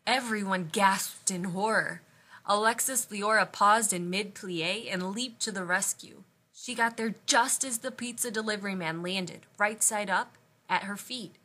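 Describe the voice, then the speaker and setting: Woman reading a children's picture book aloud, bright, expressive storyteller. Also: medium pitch, a little slow. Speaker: storybook reader.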